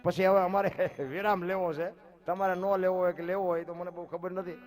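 A man's voice: high-pitched, level tone, fairly quick, faint music behind. A man telling folk stories live, chatting directly with his listeners. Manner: chatty, addresses listeners directly, laughs softly. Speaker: folk storyteller. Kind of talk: live folk storytelling to an audience.

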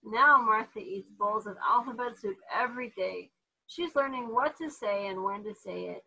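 A woman reading a children's storybook aloud with animated delivery, putting on voices for the characters. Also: a little high, moderate pace, gravelly, breathy edge, low-quality recording. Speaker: therapy dog handler reading to kids.

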